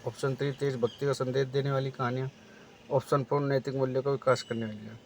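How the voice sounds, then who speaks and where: A man's voice: mid-range voice, flat delivery, quick pace, slight background noise. A man teaching exam preparation, reading out multiple-choice options and then explaining the right answer.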